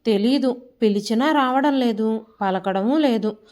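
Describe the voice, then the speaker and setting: Curt indifferent daughter-in-law, read by a woman narrator, fairly high voice, storybook. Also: unhurried, a little mellow, lightly acted. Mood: dismissive. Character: cold, dismissive young daughter-in-law.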